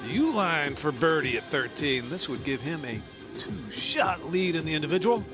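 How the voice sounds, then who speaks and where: A man's voice: a little high, very animated, moderate pace, over music. A man giving conversational golf commentary on a sports broadcast.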